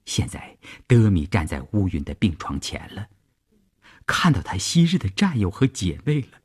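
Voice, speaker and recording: A man narrating a radio serial in a measured, expressive storytelling manner. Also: lowish voice, husky.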